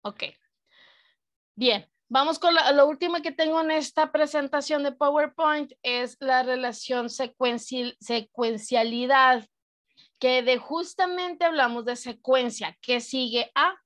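Mexican lady teacher on a video call, high voice, patient, keeps asking the class stuff. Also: measured pace, fairly bright tone. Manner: explains patiently, often asking the class questions. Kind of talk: online class lecture.

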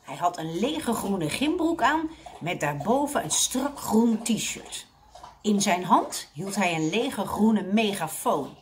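Lively woman reading a kids' book aloud. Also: medium pitch, slow, slight background noise. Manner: animated storytelling, expressive. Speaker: library reading consultant.

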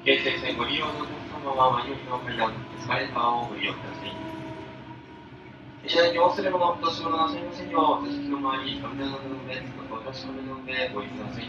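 A man's voice: medium pitch, distant mic. A man announcing formally and politely as a train conductor, heard over the train's intercom speaker. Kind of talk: onboard station announcement. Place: inside a moving train carriage. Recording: muffled echoey PA from afar, train noise.

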